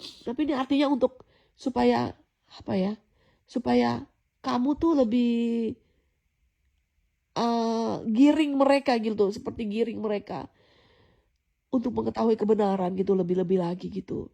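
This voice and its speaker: A woman with a fairly high, warm voice and some vocal fry recounts a dream to her viewers at a moderate pace, leaving long pauses. It's a casual, rambling testimony where she repeats herself and often uses fillers and restarts.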